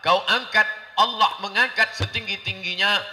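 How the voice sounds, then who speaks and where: A man's voice: high voice, moderate pace, big-room sound, low-quality recording. A man preaching a humorous sermon to a congregation, acting out quoted voices. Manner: acts out quoted voices, animated and joking.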